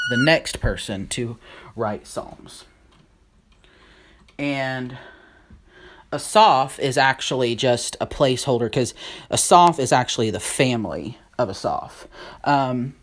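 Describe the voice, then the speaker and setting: A Bible study video host with a mid-range voice gives a casual lesson while writing on a board. They halt, seem unsure of names and think aloud as they go.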